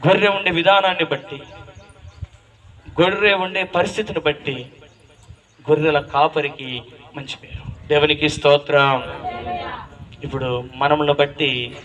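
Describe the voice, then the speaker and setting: High, bright-voiced man preaching. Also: steady tone, measured pace, long pauses. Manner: emphatic, repeats key phrases with rising force; questions the congregation directly. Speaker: pastor. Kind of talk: call-and-response sermon.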